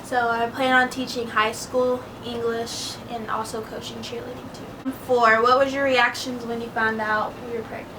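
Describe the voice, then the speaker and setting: A twenty-year-old woman chats easygoingly in a vlog Q&A, her voice sitting a little high and pausing on frequent ums. She sounds set back from the mic, with a clear hiss of background noise behind her. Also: level tone, distant mic. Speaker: vlog co-host. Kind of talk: casual Q&A chat.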